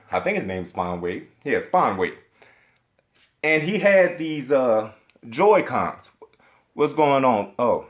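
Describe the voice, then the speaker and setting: A fired-up man whose pitch swings about delivers profane, ranting vlog commentary on video games. He's emphatic and indignant, swearing heavily and rambling through stacked filler hesitations.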